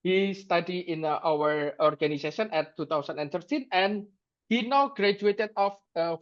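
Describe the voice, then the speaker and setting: A man, giving a halting presentation on a video call, full of fillers and restarts. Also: high voice. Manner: hesitant, many fillers and restarts. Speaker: delegate presenting his school. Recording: muffled video call audio.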